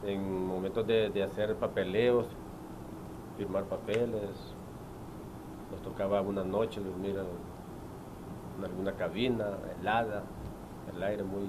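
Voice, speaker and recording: Low-voiced man from Honduras. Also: steady tone, unhurried, long pauses. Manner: hesitant, repeating words. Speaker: speaker at a press conference. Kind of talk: personal testimony. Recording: noisy press room audio.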